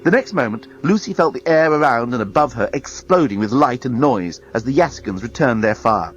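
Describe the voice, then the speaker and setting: A man reading a science fiction story aloud as a storyteller, expressive and dramatic. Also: mid-range voice, moderate pace, dull audio, faint music behind. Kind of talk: read-aloud story narration.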